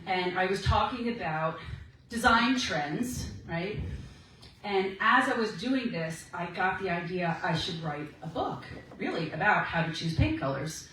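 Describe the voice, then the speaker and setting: At a women's ministry meeting, a woman tells her personal testimony in a chatty way, acting out the quoted exchanges. Her voice is on the low side and a bit bright, with lively intonation and a measured pace. She's recorded from a distance in an echoey meeting room, with a little hiss or hum.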